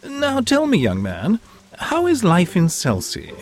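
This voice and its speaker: A man's voice: high voice, wildly swooping pitch, unhurried, voice pushed up, heavily acted. A man voicing a self-assured male professor of phonetics who lectures in a confident, condescending way, in an audiobook reading.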